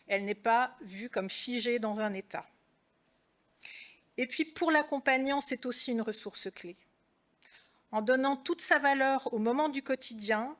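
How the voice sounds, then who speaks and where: A woman with a fairly high voice gives a conference presentation. She speaks in a measured, structured way, as a clinical psychologist and trainer explaining her approach. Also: a bit bright.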